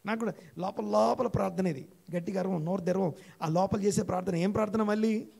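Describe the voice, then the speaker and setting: A male pastor with a high voice and a gravelly edge preaching an interactive church sermon. He repeats key phrases to drive them home and keeps putting questions to his listeners. He slows down and lifts his voice when he reads scripture aloud. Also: a little mellow. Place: church hall.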